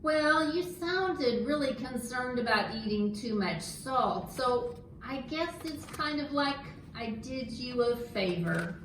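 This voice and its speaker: A woman's voice: on the high side, animated, slow pace, few pauses, fairly bright tone, a little hiss or hum. A woman voicing a naive, snack-loving male puppet in a church skit, earnest and literal-minded. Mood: sly. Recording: echoey room.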